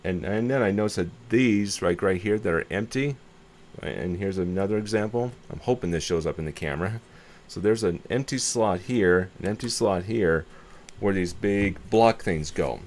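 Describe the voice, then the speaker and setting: Speaking at a moderate pace, this man has a low, slightly mellow voice. He's a hobbyist filming a radio repair, casually talking through the job off the cuff and murmuring his thoughts as he goes. A camera mic captures it clearly, with room ambience and background noise audible.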